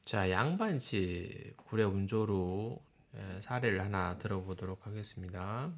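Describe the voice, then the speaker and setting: A man's voice: lowish voice, expressive, measured pace. A male university professor giving a classroom lecture, walking through slides and pointing things out with short explanatory remarks.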